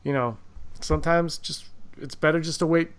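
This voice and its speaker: A man's voice: a little high, moderate pace, smooth. A man hosting a podcast in casual chat, talkative and wryly joking. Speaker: podcast host.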